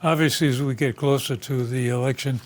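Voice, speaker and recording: Male interview host, mid-range voice, conversational and slightly halting, unscripted local talk show feel. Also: medium pitch, fairly even intonation.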